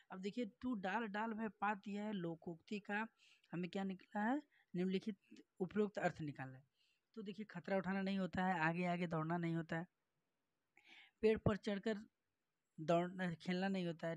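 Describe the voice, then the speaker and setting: A Hindi teacher going through exam practice questions, explaining each answer with rhetorical questions and repetition. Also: male voice, high-pitched, no echo. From northern India.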